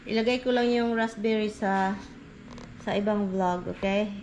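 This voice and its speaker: A woman's voice: mid-range voice, fairly even intonation, a little slow, darkish tone, slight background noise. A woman with a Bisaya accent, chatting casually to her viewers while she harvests in her garden and works around her house, mixing in English words. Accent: Filipino, Bisaya. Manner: chatty, addresses viewers as guys, mixes in English. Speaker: vlogger.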